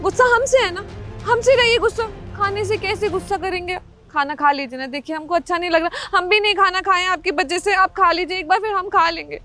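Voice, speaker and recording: A woman's voice: very high-pitched, fairly quick, pushed and bright, soft background music. A woman playing an anxious, devoted young wife who keeps coaxing her husband to eat. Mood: pleading. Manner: pleading, coaxing. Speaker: actor in a comedy skit.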